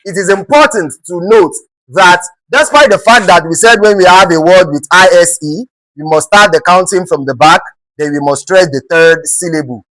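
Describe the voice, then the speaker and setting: A man with a Nigerian English accent teaching an exam-prep lesson, asking rhetorical questions and repeating words slowly. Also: high voice, pushed and bright, no room sound, rough recording.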